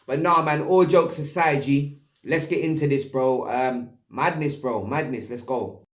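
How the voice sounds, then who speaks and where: A man's voice: medium pitch, unhurried. A young man with a London roadman accent giving casual commentary as an online host, in heavy street slang peppered with tag questions. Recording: echoey, roomy sound.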